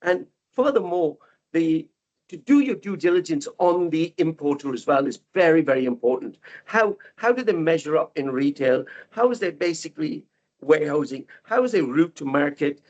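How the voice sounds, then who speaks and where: A man explaining things in a panel discussion, haltingly, often repeating words as he stresses his points. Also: on the high side, animated, a little mellow. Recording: dull, muffled lo-fi sound.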